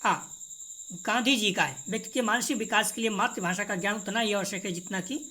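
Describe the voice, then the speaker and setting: A woman teacher reads exam multiple-choice questions and answers, repeating each correct answer and speaking informally, addressing her students directly. Her voice is medium-pitched with a sharp tone and a fairly quick pace, with a little hiss or hum.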